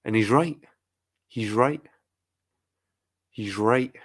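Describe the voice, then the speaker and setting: A middle-aged livestream host from England speaks very slowly in a lowish voice. His casual chat-stream rant is profane, rambling and repetitive.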